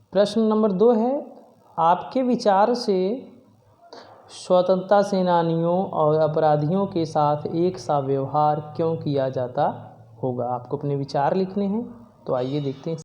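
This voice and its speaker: Mellow-voiced teacher explaining a poem. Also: mid-range voice, highs cut off. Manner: paraphrases each verse line and tells students what to write. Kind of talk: explaining a poem and dictating worksheet answers.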